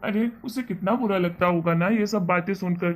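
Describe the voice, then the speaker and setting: A man voicing a kind, earnest young husband and son in an animated family story. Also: high-pitched, normal speed, natural voice. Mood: pleading. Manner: earnest, persuasive.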